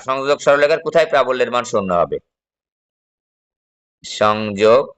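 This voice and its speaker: A man's voice: medium pitch, a bit bright. A man, a physics teacher giving a classroom lecture. He explains step by step, asks his students questions and repeats the key phrases.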